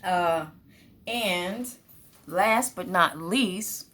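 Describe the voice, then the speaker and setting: A woman's voice: on the low side, very slow, a little hiss or hum. Chatty woman telling a childhood story. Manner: chatty, lively, laughs often, acts out quoted voices. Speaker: vlogger. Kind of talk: casual storytelling to camera.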